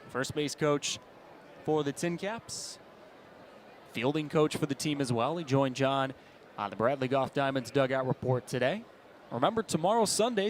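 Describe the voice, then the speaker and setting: Live baseball commentary comes from a higher-voiced American man who narrates in clipped present tense and swells into shouts when big plays happen. Ballpark ambience and outdoor stadium background noise can be heard behind his voice.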